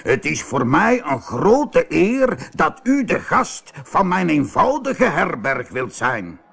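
A man voicing a fawning male innkeeper in a storybook, speaking slowly and raised in pitch. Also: very animated, creaky, fairly bright tone, breathy edge, full character voice. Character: sly, slow-talking male innkeeper, fawning.

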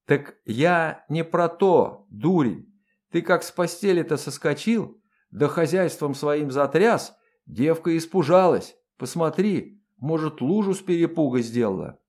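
A man's voice: a little high, animated, measured pace, darkish tone, pitched above the performer's own voice. A man voicing a lazy, earthy, plain-spoken empress who drawls in folksy speech for an audiobook. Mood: teasing. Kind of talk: audiobook character voice.

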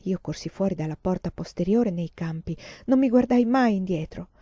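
A woman reading a novel aloud in measured, sombre storytelling, in a dull, slightly lo-fi recording. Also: mid-range voice, lively intonation, warm tone, dry recording. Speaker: reader.

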